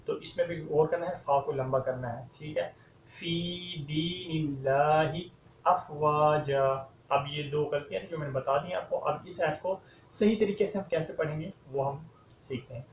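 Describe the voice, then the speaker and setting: A man with a Pakistani Urdu accent teaches Quran recitation, calm and methodical as he walks through common mistakes. His voice sits a little high, and he slows into long chanted verses. The room sounds echoey and slightly muffled, with a faint hiss. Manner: patient, explains each error, then recites slowly and louder. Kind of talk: step-by-step recitation lesson with slow chanted verses.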